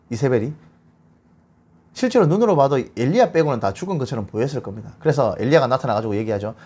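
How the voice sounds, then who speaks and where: A man giving a bible lecture, retelling scripture as a lively story and acting out the quotes. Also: mid-range voice, slightly rough.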